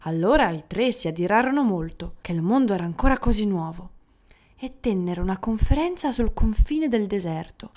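Woman, storyteller, expressive storybook reading, theatrical, wide pitch swings.

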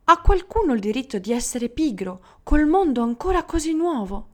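A woman's voice: high-pitched, big pitch swings, moderate pace, a little mellow, pitched above the performer's own voice. A woman voicing a hardworking male horse who complains earnestly, in a storybook reading. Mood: reproachful.

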